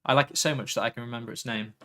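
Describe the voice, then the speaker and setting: A man chatting casually on a live tech stream, relaxed and a little tired, reading viewer comments aloud and drifting between topics. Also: mid-range voice, rapid-fire. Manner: relaxed, tired, easily sidetracked, reads chat aloud.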